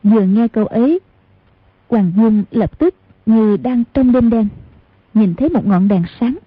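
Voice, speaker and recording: A woman narrating an audiobook in a steady, measured way with a husky voice, on a tinny lo-fi recording. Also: on the high side, no room sound. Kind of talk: storytelling narration.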